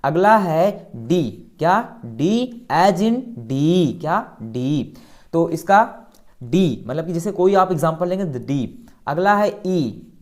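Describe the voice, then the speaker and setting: A man teaching a beginner lesson, saying each word slowly several times and asking the class to repeat after him. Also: fairly high pitch, expressive, darkish tone. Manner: slow, deliberate words when modelling pronunciation. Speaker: spoken English teacher. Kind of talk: beginner language lesson, drilling pronunciation.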